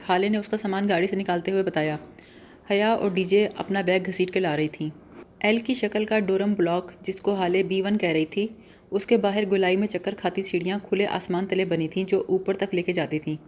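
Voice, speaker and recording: A woman narrating a novel as an audiobook in a calm, measured way. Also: medium pitch, slight background noise.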